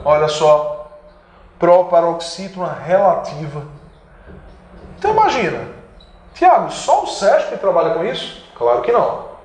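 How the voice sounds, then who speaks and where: A man's voice: on the high side, reverberant. A man with a Brazilian accent teaching an online grammar lesson for exam prep, emphatic, stretching key words and asking and answering his own questions. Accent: Brazilian Portuguese.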